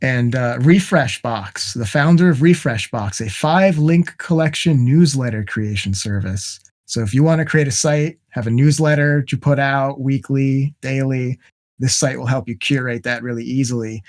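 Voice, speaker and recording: A man's voice: mid-range voice, normal speed. A man hosting a podcast in casual conversation, introducing a guest with jokes and frequent laughs. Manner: joking, laughs often. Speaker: podcast host. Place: home in Massachusetts.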